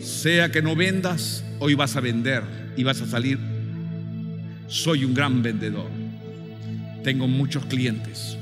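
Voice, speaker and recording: A male preacher delivering a fervent sermon, pushing into shouted call-and-response and then dropping to low, earnest appeals. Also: slow, pauses often. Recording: long hall reverb with faint music.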